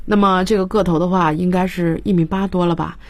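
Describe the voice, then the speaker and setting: A woman's voice: fairly low pitch, steady tone, a little fast, no echo. A woman English teacher on a radio program, explaining grammar in Chinese and reading English example lines. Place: radio studio.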